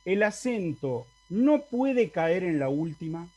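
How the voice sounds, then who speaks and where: A man's voice: high-pitched, very animated, slow, a little mellow, faint music behind. A male university Latin teacher with an Argentine Spanish accent, explaining in an online lecture over a video call and often checking with the class. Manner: explanatory, asks the class for confirmation.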